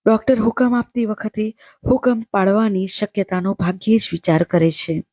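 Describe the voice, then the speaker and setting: A woman storyteller reading a literary short story aloud in a measured, steady way. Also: medium pitch, no echo, muffled recording.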